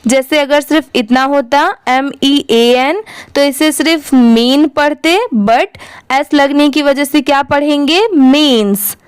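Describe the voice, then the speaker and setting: A woman's voice: high voice, steady tone, a little slow, no echo. A woman teaching English reading, spelling each word out letter by letter, blending the parts, and putting questions to the viewer. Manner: spells words letter by letter, then blends them; asks rhetorical questions to the viewer. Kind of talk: slow spelling-out lesson.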